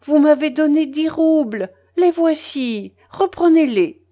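A woman's voice: sits high, animated, takes it slowly, dark tone, voice pushed up. A woman voicing a meek, terrified young woman pleading in fear. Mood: frightened. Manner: pleading, fearful.

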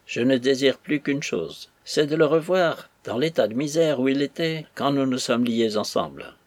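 A man's voice: mid-range voice, normal speed, no echo, close to an everyday voice. A man reading as a furious, ruined old merchant. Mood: angry. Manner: ranting, bitter, raising his voice. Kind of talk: audiobook character voice.

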